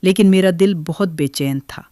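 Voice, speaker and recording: An older woman telling her own family story in the first person, in a measured, gentle way. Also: on the low side, no echo, studio quality.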